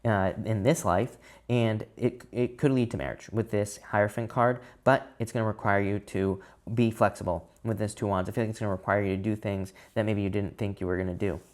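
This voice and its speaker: Man, lowish voice, casual tarot reader who rambles and hedges. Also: fairly even intonation, brisk, few pauses, a little mellow. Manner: casual, rambling, many fillers and hedged restarts. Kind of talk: tarot reading to camera.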